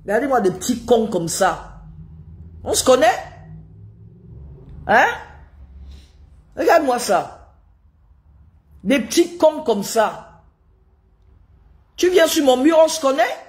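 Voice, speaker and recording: A political live streamer with a head cold rants to her viewers, her voice pitched high and very animated. She speaks slowly with frequent pauses, indignant and scolding as she keeps repeating rhetorical questions.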